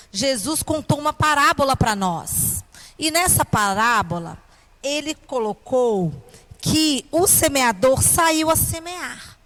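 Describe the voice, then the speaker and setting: A woman's voice: sits high, a bit bright, poor audio. A woman with a Brazilian accent teaching a children's Bible lesson in a kindergarten teacher voice, with simple explanations and questions put to the children.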